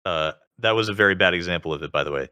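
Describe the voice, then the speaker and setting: A man's voice: sits low, very fast, pushed and bright, smooth, dry recording. A male guest in a casual interview, talkative and explaining things at length with plenty of filler words.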